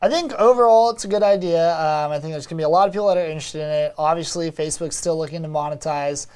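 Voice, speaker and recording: A woman co-hosting a live web show, speaking in a low voice for a woman. She talks in a loose, conversational way and leans on small fillers as she gives her opinions. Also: fast, a little mellow, smooth. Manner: conversational, fillers like "you know" and "um". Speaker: co-host of a social media show. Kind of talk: live web broadcast, casual discussion.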